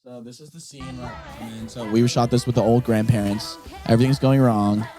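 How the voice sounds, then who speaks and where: A man's voice: medium pitch, normal speed, faint music behind. A young man, a podcast guest, telling jokey stories in a casual studio chat. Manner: animated storyteller, jokey.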